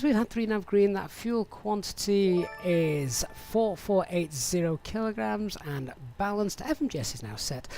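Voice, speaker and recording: Casting: male live streamer, chatty flight sim pilot, widely varied pitch, slight background noise. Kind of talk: casual live stream chat with pilot procedure talk.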